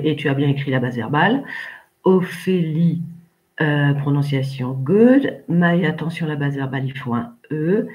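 A woman's voice: low-pitched, dull audio. A woman teaching English pronunciation in an online class, patiently correcting pupils one by one by name.

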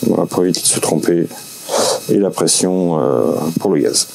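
A man in his forties casually unboxing and showing a tool in a small indoor workshop office, relaxed and halting with many fillers. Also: low-pitched, creaky, slight background noise, low-quality recording. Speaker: vlogger.

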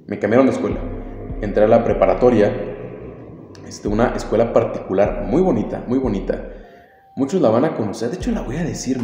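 A man's voice: mid-range voice, mellow. A man with a Mexican accent telling a story on his podcast in a casual, slangy, laid-back way, swearing freely. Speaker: podcast host. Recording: very echoey room, long reverb, faint music.

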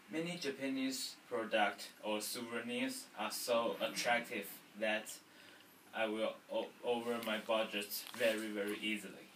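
A young man student talking in a small room, plain and slightly halting. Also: fairly low pitch, a bit bright, a little hiss or hum. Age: young adult. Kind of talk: casual vlog talk. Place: small indoor room against a wall. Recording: roomy, distant from the mic.

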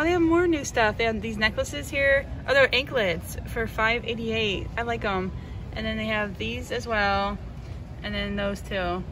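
A woman vlogging as she walks a large store, chattily listing prices and getting excited over new finds. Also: mid-range voice, background noise. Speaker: shopping vlogger. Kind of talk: casual shop-with-me narration. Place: large retail store, indoors.

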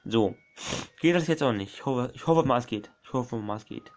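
A man's voice: medium pitch, normal speed, heavy background noise. Rambling gaming commentator man. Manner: rambling, repeats himself, says "meine Freunde" often; snaps at people interrupting him off-mic. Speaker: gaming YouTuber. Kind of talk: let's play commentary.

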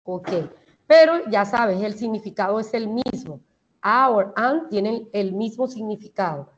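A woman's voice: mid-range voice, a little slow, highs cut off. A woman with a Colombian Spanish accent teaching English grammar in an online class, explaining step by step and checking that the students understand.

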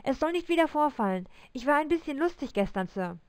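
A woman's voice: high-pitched, animated, a little fast, darkish tone, no echo, voice pushed up. A woman voicing a nervous, apologetic young male clerk.

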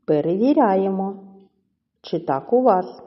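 A woman's voice: mid-range voice, animated, takes it slowly, long reverb tail, muffled recording. A woman teaching young children, patiently stretching words out syllable by syllable.

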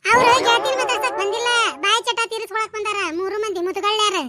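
A woman voicing bickering, gossipy village women in a cartoon, with a North Karnataka Kannada accent and quick, scolding banter. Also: extremely high pitch, fairly even intonation, very noisy. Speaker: voice of a cartoon series.

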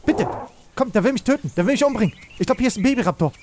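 Excitable high-voiced man gaming. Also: racing, slight background noise. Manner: excitable, shouts and pleads in panic, youth slang. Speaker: let's play host.

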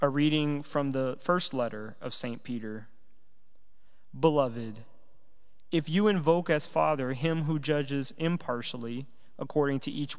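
Male lector, solemn measured delivery, mid-range resonant voice, echoing church. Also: mid-range voice, smooth. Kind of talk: solemn, measured scripture reading at Mass. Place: large stone church sanctuary, indoors. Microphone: gooseneck microphone at the lectern. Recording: echoing church, long reverb.

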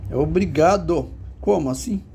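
A man's voice: a little high, moderate pace, vocal fry, dark tone, slight background noise. A man with a Brazilian Portuguese accent gives a casual, chatty drawing lesson. He talks to himself as he draws and records on a handheld phone. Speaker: drawing teacher.

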